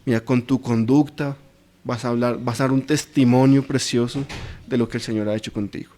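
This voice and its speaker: Man, bible study teacher, mellow voice, chatty and anecdotal. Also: medium pitch, steady tone, brisk. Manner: informal and anecdotal, acts out everyday quotes.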